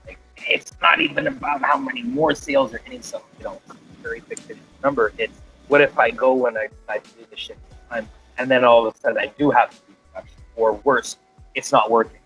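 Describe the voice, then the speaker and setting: A man's voice: medium pitch, fairly even intonation, fast talker, creaky, fairly bright tone, faint music behind, rough recording. A man, a glass artist, guesting on a podcast, talking in a loose, profane way with many fillers and restarts. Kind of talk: casual chat.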